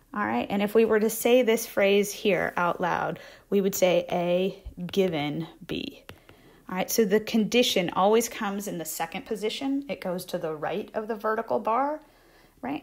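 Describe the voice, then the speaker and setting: A woman's voice: mid-range voice, a little mellow. A woman math instructor giving a conversational recorded lecture over slides, repeating key points and checking in with "right?" often.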